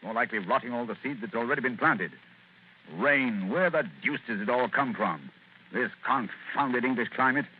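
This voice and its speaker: A man's voice: medium pitch, moderate pace, husky, close to an everyday voice. A man playing Sherlock Holmes as a gloomy, clipped and sardonic detective in a 1940s radio drama. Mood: grumbling. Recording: tinny old radio broadcast with faint hiss.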